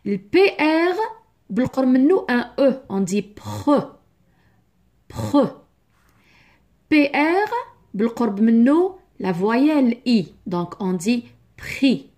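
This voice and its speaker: A woman teaching French pronunciation, repeating each syllable slowly and clearly in a drilled lesson. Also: fairly high pitch, very animated, a little mellow.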